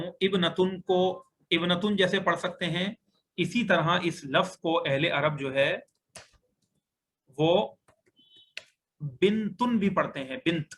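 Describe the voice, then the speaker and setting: A man's voice: sits high, bright, forceful tone. A man teaching an online Arabic grammar lesson on a video call, patiently explaining step by step as he writes. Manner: patient, explains step by step while writing on screen.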